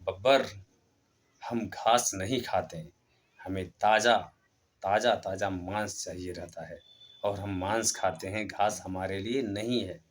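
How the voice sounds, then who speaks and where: A man's voice: low-pitched, steady tone, slow pace, a little hiss or hum. Man doing a proud lion king of the jungle, firm, insistent, storybook figure. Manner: firm, insistent, repeats his words.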